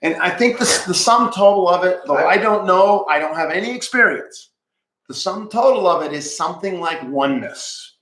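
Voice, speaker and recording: A man's voice: high-pitched, lively intonation, normal speed, a bit bright, roomy sound, rough recording. A man co-hosting a casual book discussion, telling rambling stories and swearing freely. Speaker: podcast co-host.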